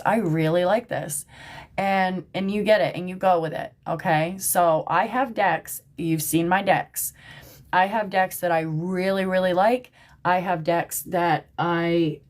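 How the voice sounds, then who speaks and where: A woman talking casually to her livestream viewers from the shop where she works, chatty and emphatic, often checking in with "okay?" and "right?". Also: fairly low pitch. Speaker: tarot reader and livestream host. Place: at work in a shop. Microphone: phone livestream.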